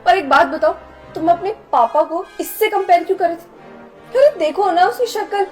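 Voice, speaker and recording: A haughty young woman, played by an actress, who scolds and sneers at the poor in a shrill, very high voice. She speaks in a melodramatic web skit style, with faint music under her lines. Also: normal speed, darkish tone. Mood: scornful. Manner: scolding, contemptuous, shrill outbursts. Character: snobbish, scornful young woman, rude to the poor. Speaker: actor in a short skit.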